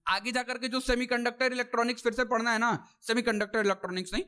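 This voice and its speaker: A man with a very high-pitched voice lectures a physics class in speech. He talks in a loose, chatty way, repeating checks like "theek na" and teasing or scolding the students as he goes. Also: fairly even intonation, very fast, sharp tone. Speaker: physics teacher.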